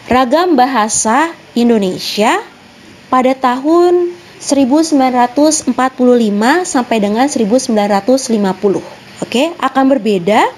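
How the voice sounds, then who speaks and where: Young female teacher, slightly high voice, methodical explainer for a recorded class. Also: a little mellow, a little hiss or hum. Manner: explanatory, with many examples and "nah" transitions. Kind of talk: online lesson explanation.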